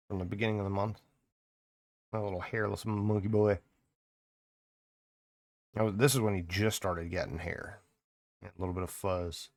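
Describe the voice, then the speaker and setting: A man's voice: low-pitched, vocal fry, dry recording. A man chatting casually on a live stream, rambling and exclaiming to his viewers.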